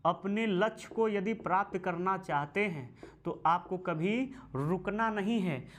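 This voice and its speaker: Slow, repeating male history teacher. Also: high voice, fairly bright tone. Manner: slow, repeats phrases for emphasis; addresses viewers as "my brother" and "my friend". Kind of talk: exam-prep history lesson.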